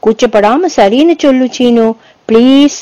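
A woman's voice: on the high side, a little slow, mellow, dry recording, lo-fi sound, voice pushed up, close to an everyday voice. A woman reading a story aloud, voicing a bold teenage schoolgirl who coaxes and pleads. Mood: pleading. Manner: coaxing, pleading.

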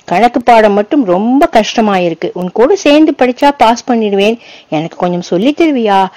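A woman's voice: fairly high pitch, expressive, moderate pace, a little mellow, no room sound, natural voice, poor audio. A woman reading a story aloud, voicing a bold teenage schoolgirl who coaxes and pleads. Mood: pleading. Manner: coaxing, pleading.

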